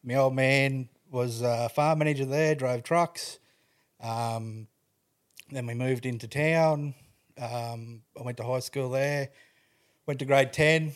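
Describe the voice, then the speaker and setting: A man's voice: medium pitch, fairly even intonation, takes it slowly. Laconic Australian man chatting casually. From Toowoomba, Queensland, Australia. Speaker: podcast guest, bricklayer by trade. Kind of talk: casual chat, telling life story.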